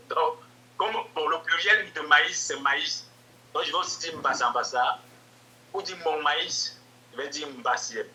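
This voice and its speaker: A man's voice: fairly high pitch, unhurried, sharp tone, rough recording. A male student in an online class, thinking aloud and hesitating. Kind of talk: class participation.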